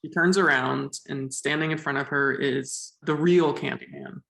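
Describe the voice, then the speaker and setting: His voice leans high, gravelly and sharp, with a steady tone and moderate pace. He's a podcast co-host casually analyzing a film's themes, thinking aloud with fillers, and the room sounds echoey.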